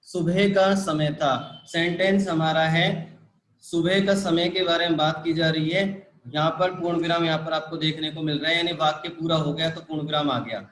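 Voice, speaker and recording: A man with a fairly high voice teaches a live grammar class, patiently repeating each point and checking in with his students. The sound rings around a roomy, echoey space. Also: steady tone, normal speed, fairly bright tone, slight background noise. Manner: repetitive, patient explaining with frequent "ठीक है" and "देखो". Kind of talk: live online grammar lesson.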